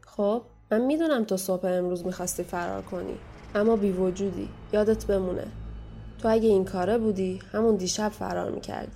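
A woman playing a mocking, menacing young waitress who talks down to people and gives sharp warnings, in an audio drama. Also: medium pitch, creaky, slight background noise, close to an everyday voice. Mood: scornful. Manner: scornful, taunting, bossy. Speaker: guest voice actor.

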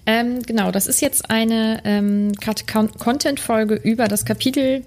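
A woman's voice: on the high side, fairly even intonation, a little slow, a little mellow. Breathless woman podcast reader. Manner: breathless, chatty with laughs. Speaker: podcast co-host. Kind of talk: reading a translated story aloud.

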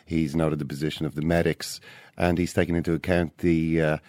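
An Irish-accented man making wry, deadpan sports banter as a podcast co-host. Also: extremely low pitch, fairly quick, no echo.

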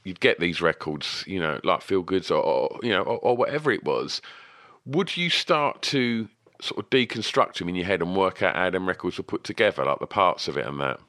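A man with an Essex accent hosts a casual music interview. His voice is low and bright, with lively movement in pitch. He is chatty and enthusiastic, letting his questions ramble. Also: moderate pace, no room sound, clean studio sound. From Essex, England.

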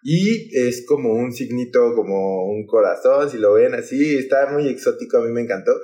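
A man's voice: mid-range voice, moderate pace, mellow. A young man with a Mexican accent, a podcast guest chatting casually in slang and rambling through many restarts. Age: young adult. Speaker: guest, hostel project leader.

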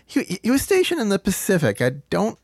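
A middle-aged man from the Boston area, a former studio engineer appearing as a guest, chats casually in an easygoing, rambling interview full of restarts. His high, gravelly voice has a darkish tone, swooping wildly in pitch at a brisk pace. The audio is studio quality with no room sound.

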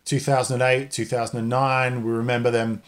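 Medium-pitched man asking interview questions. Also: level tone, normal speed.

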